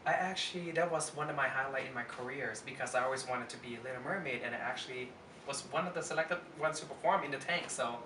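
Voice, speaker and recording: The guest is a Las Vegas pole performer in his twenties, originally from Thailand, chatting easily through the interview. He talks at a quick pace in a mid-range voice. Faint noise and a roomy, distant-mic sound fill the recording.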